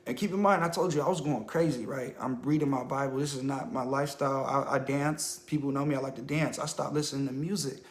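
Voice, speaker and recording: A man's voice: medium pitch, fairly even intonation, fast talker, hardly any pauses, echoey room. A man sharing a personal religious testimony on a phone livestream, telling it in a casual, earnest way with many fillers. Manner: earnest storytelling, full of fillers and "I kid you not".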